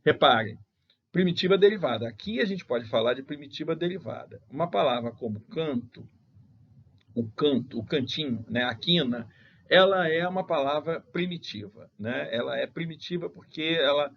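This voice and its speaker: A Brazilian man lectures with emphatic insistence, voicing his students' objections and then knocking them down. His voice is gravelly and a little husky, sitting slightly high for a man. The recording is dull and lo-fi. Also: expressive, moderate pace. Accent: Brazilian Portuguese. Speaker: teacher. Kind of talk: lecture correcting exercises.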